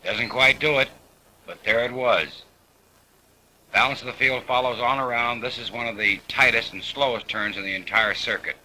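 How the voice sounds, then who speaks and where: A man narrating race footage on an old 1950s film soundtrack, relaxed and dropping wry asides. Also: medium pitch, normal speed. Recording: hissy, noisy vintage film recording.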